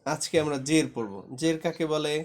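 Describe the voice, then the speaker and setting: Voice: mid-range voice, moderate pace. A Quran reading teacher in a live class, patiently repeating each syllable for a student to echo back. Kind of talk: live online class, drilling letter sounds.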